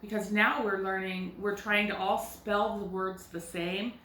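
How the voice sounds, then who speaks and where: A woman's voice: medium pitch, fairly even intonation, a little slow, sharp tone, far from the mic. A woman with an American accent, a first grade teacher giving a recorded phonics lesson. She explains patiently and asks questions that she answers herself. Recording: echoey room, voice set back from the mic.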